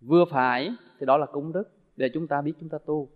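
A man preaches a Buddhist dharma talk, his voice pitched high. He is animated and slips into little acted-out dialogues. The sound is dull and lo-fi, with a long echo hanging in a hall. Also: fairly quick. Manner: animated, acts out everyday dialogues. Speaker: Buddhist monk teacher.

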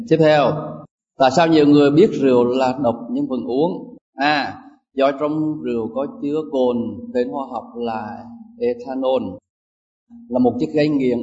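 A Buddhist monk teaches a class in a lecture hall. His mellow voice turns animated and emphatic. It is caught from a distance on a muffled, lo-fi recording. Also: medium pitch. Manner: animated and emphatic, swinging between loud and soft. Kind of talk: Dharma class with quiz questions.

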